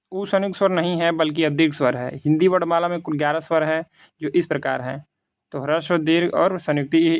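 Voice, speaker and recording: A man teaching Hindi grammar through quiz questions. He reads out the options slowly, then explains them in casual, conversational Hindi. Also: a little high, gravelly, no echo. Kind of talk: quiz lesson, reading questions and explaining answers.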